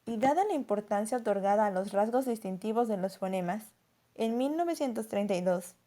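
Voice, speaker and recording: A woman narrating a scripted lesson as a teacher, explaining clearly and slowing down to stress example words. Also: medium pitch, animated, dark tone.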